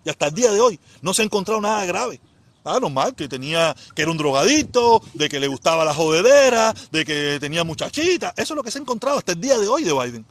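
A man's voice: high-pitched, sing-song, fast, fairly bright tone. A Cuban man hosting a livestream, arguing politics and repeatedly cutting in with "excuse me" to hold the floor. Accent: Cuban Spanish. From Cuba. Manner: keeps cutting in with repeated "permiso", argumentative. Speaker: livestream host. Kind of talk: heated political debate.

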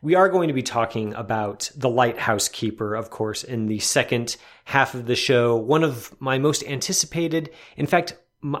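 A man hosting a film podcast, reading a measured, articulate review with the odd restart. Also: medium pitch. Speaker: podcast host.

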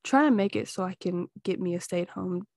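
A woman's voice: on the low side, brisk, a little mellow, no room sound, studio quality. A woman, a mother of two and the guest, chatting casually in a rambling, storytelling way. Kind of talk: casual chat.

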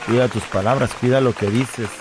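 A man's voice: mid-range voice, fairly quick, background noise. A young Mexican man co-hosting a comedy show, telling jokes in slang and bantering. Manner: animated storyteller, jokes in slang. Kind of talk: joke telling, casual banter.

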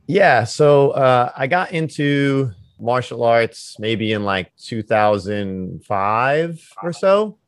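A man's voice: medium pitch, animated, slow pace, hardly any pauses, clear, resonant tone, no room sound, studio quality. A man talking informally and conversationally as co-host of a casual interview.

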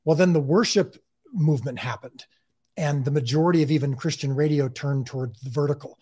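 A man's voice: on the high side, a little fast, darkish tone, slightly rough. A man speaking as an interview guest about the series he created, earnest and talkative, often restarting and repeating words. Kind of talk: casual interview talk.

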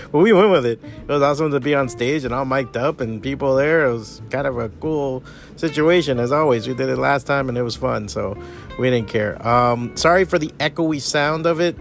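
A man's voice: medium pitch, fairly quick, creaky, faint music behind. A man speaking casually as a podcast host, giving an informal introduction.

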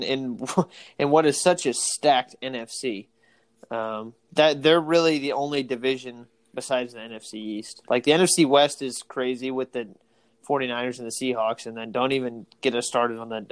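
A man co-hosting a casual sports podcast, excitable and laughing often, tired from an early morning. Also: mid-range voice, no echo. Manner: excitable, laughs often, acts out quoted exchanges. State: tired, yawning. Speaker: podcast co-host.

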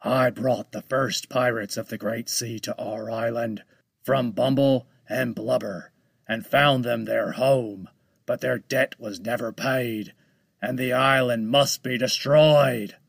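A man puts on a giant male shark from a storybook, dragging each threat out slowly and heavily. The voice is gravelly and sits close and dry against the mic, with no room around it. He crawls along, savoring the menace. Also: medium pitch, fairly even intonation, no echo, exaggerated voice. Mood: roaring. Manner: slow, heavy, drawn-out menace. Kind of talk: storybook read-aloud.

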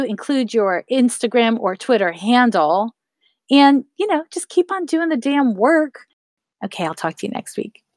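A medium-pitched woman in her thirties hosts a podcast, offering casual spiritual tips and encouragement to listeners she refers to as her loves. It's recorded close and dry, with no room sound.

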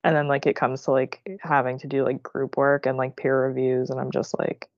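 A woman's voice: rumbling low, level tone, a little fast, no echo, lo-fi sound. A woman in her twenties co-hosting a podcast in a chatty, laughing, casual way, swearing now and then. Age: 20s. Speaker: podcast co-host. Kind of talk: casual chat.

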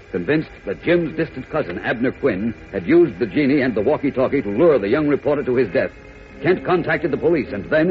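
A man narrating a 1940s radio serial as announcer, with dramatic scripted delivery. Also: mid-range voice. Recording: dull old radio recording with music.

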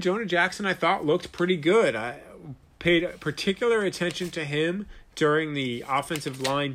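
Here the solo sports podcast host, a man in his late thirties, sounds high-pitched and a little bright. He mixes commentary with ads he reads himself, speaking emphatically and casually and hammering points through repetition.

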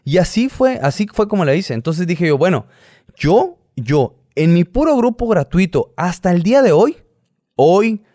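A man's voice: high voice, very animated, moderate pace, warm tone, no room sound, studio quality. A Mexican man, a podcast guest, talking casually and rambling, often losing his thread. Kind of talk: casual chat.

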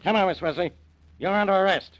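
A blustering police inspector who is suspicious of everyone. His gruff voice sits a little high, in 1940s radio acting style. It comes through as an old radio show broadcast with a dull, lo-fi vintage sound. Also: fast talker.

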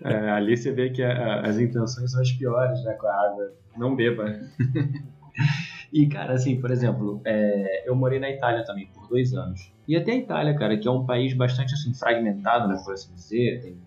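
Animated man, roomy sound. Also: brisk, lo-fi sound, soft background music. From Brazil. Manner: animated storyteller, swings in pitch, many fillers. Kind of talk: casual chat.

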